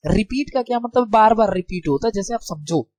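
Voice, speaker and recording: A man's voice: high-pitched, expressive, a little fast, darkish tone. A young male teacher explains a lesson in an easygoing, chatty way. He keeps throwing rhetorical questions back at his students and checking they follow. His voice sounds close and dry, with no room echo. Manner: friendly and informal with students. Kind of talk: casual classroom explanation.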